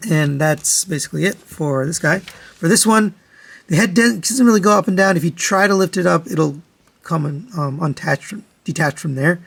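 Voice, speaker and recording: A male toy reviewer hosts, walking through product comparisons step by step in a matter-of-fact, conversational way. His voice is a bit on the high side.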